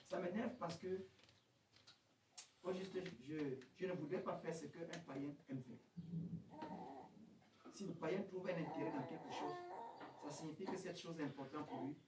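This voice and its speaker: A male pastor preaching a revival sermon, swinging from shouted high peaks to quiet questioning drops. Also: normal speed, long pauses, recorded from a distance. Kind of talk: French-language revival sermon. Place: church hall. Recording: echoey church sound, from off the mic, faint noise.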